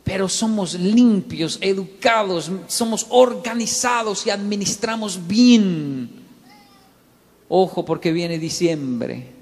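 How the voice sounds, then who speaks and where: Male preacher, lively storyteller who plays every character, long reverb of a large hall. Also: high-pitched, slow. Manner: animated, voices the story's characters, calls audience to repeat. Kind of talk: sermon with acted-out story.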